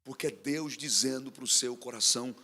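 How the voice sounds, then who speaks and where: A man's voice: mid-range voice, moderate pace, bright, forceful tone. A male pastor preaching a sermon with fiery delivery, asking questions and drawing answers from the congregation.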